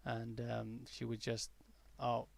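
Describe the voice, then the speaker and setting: Gravelly man with a mixed accent. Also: medium pitch, monotone, takes it slowly. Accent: mixed accent, partly American-tinged English learned abroad, softened by years in the UK. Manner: chatty and rambling, with many fillers and restarts. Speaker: day-trading livestream host. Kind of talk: casual live trading commentary.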